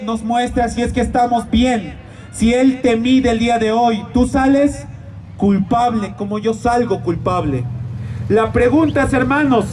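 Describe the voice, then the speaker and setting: High-voiced preacher man, distant mic. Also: slight background noise. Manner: rhetorical questions to the congregation; repeatedly addresses listeners as brothers and sisters. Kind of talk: evangelistic sermon. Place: church evangelistic campaign.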